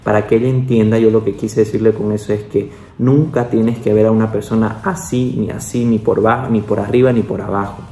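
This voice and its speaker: Low, mellow-voiced man in an echoey room. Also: little pitch movement, fairly quick, hardly any pauses, faint music behind. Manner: chatty, peppers speech with "¿no?" and "o sea"; acts out quoted voices, with the pitch jumping up. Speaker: doctor. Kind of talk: casual storytelling vlog. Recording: roomy echo.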